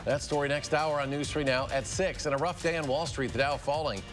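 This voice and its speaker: A man's voice: fairly high pitch, steady tone, brisk, music in the background. A man anchoring a local newscast, reading scripted headlines and teasers. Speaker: news anchor. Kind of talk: broadcast news anchoring, scripted.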